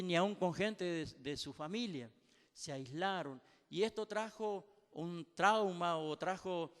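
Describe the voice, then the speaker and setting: A male pastor delivers a sermon with a high, smooth, resonant voice that carries through a reverberant church hall. He stacks repeated phrases and builds steadily in fervor.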